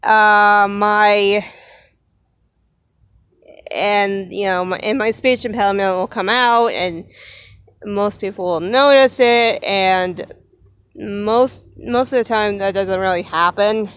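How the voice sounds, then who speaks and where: A woman's voice: medium pitch, slow, pauses often, a bit bright, clean tone, no room sound. A young adult woman talking casually in a rambling vlog monologue, laughing often and breaking off to apologize. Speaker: vlogger.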